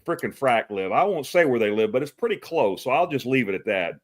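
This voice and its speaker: Very animated and brisk, this Texan host has a mid-range voice as he runs a casual livestream talk show. He's warm and friendly, naming viewers as he greets them, calling them brother, and chuckling often.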